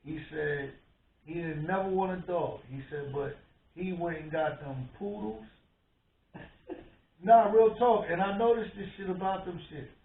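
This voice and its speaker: A high-voiced man speaks without hurrying. He's co-hosting a podcast, chatting casually and animatedly playing the characters in his stories. The recording has a distant, echoing, tinny phone-like sound.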